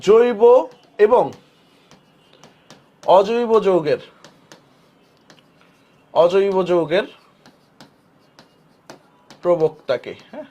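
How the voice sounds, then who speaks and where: Man, high voice, chemistry teacher, casual classroom lecture, repeats himself, quizzes students. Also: animated, drawn-out words, pauses often, dark tone. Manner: repetitive, asks students questions and answers them; colloquial Bangladeshi speech.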